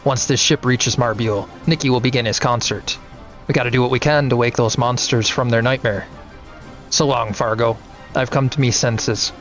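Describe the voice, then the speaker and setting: A man's voice: medium pitch, steady tone, moderate pace, a bit bright, faint music behind, close to an everyday voice. A man voicing a defiant male pirate captain in salty pirate talk.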